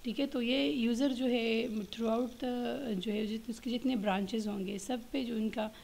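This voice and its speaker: A woman giving a slide lecture, reading each point slowly and then explaining it with many pauses and fillers. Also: on the high side, steady tone, gravelly, darkish tone, rough recording. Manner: explains in Hindi-Urdu mixed with English terms, many fillers. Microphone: voice-over on slides.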